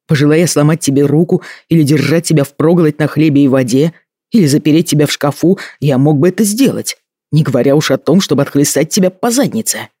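Man voicing a firm, dryly mocking young husband, steady and level, close dry read. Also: fairly high pitch, fast talker, husky, no echo. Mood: stern. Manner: steady, even-toned.

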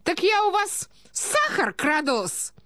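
A quarrelsome provincial lady, put on by a woman talks sharply and indignantly, clipping her words with a polite "-с" ending. Her voice is very high and slow, with wide swings in pitch. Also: wildly swooping pitch, a bit bright, no room sound, studio quality, exaggerated voice.

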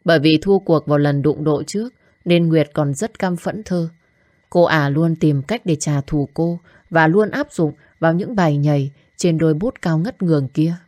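A woman narrating a storybook in a calm, measured way. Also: sits low, no echo, studio quality.

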